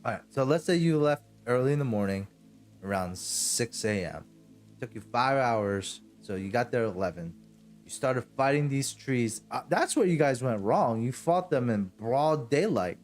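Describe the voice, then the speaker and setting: A man's voice: mid-range voice, expressive, moderate pace, soft background music. A man working as game master, narrating a tabletop role-playing game in an improvised, conversational way.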